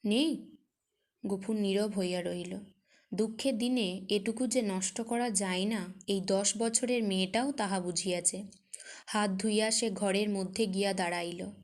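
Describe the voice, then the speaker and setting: A woman reading a classic short story aloud in a measured, even way. Her pitch sits in the middle range for a woman. The delivery is that of careful scripted narration. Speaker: story reader.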